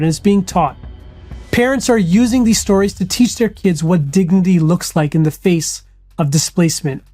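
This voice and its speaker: A woman reading scripted documentary narration in a measured, solemn manner. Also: mid-range voice, mellow.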